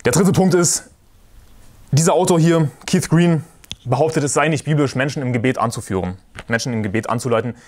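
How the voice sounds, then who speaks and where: A male preacher delivers a sermon with a combative, forceful edge. He hammers his points home and repeats references for emphasis, and his voice sits at a mid pitch. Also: fairly quick.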